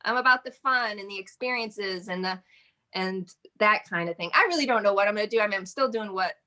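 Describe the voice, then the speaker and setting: With a medium pitch and a sharp tone, she speaks a little fast. The speaker is a modeling agency owner from Michigan in her forties, a chatty, rambling guest in a casual interview who laughs often.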